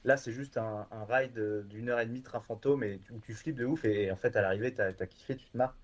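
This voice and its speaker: A man's voice: medium pitch, a little fast, muffled recording. A man chatting casually and enthusiastically, with many fillers and restarts. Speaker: guest from a horror streaming platform. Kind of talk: casual podcast chat.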